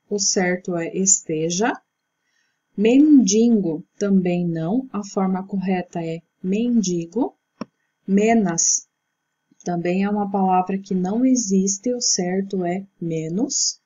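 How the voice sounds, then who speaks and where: A woman teacher giving a recorded grammar lesson, explaining patiently and slowly. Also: mid-range voice, warm tone, breathy edge, dull audio. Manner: slow, patient explaining with slides.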